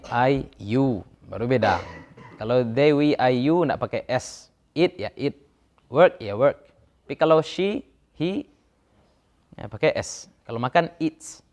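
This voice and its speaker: A man's voice: medium pitch, darkish tone. A man teaching an Arabic grammar class, chanting verb conjugations in a rhythm and joking about regional dialects. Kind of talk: classroom lecture.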